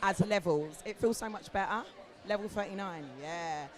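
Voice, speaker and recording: She's a British woman in her forties, an agency founder, speaking on an outdoor festival panel in candid conversational style while the crowd murmurs behind the live recording. Her voice is medium-pitched and moderately paced, animated and chatty with casual swearing, yet hoarse and nearly gone.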